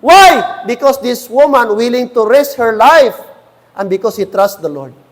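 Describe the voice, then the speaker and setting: A man's voice: very high-pitched, animated, measured pace, in a large hall. A man with a Filipino accent preaching a sermon as pastor, switching between Tagalog and English and often calling out to the congregation. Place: church.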